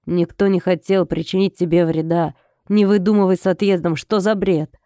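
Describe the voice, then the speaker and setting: A stern middle-aged father who insists and scolds, as a woman reader puts him on. His voice sits low and dark. The storybook reading is close and dry. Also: fairly even intonation, moderate pace, no echo, natural voice.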